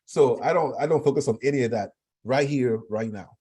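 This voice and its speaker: A man's voice: medium pitch, fairly quick, dark tone, slightly rough. A man from Cameroon speaking as a guest, earnest and emphatic, often repeating his phrases. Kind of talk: conversational talk.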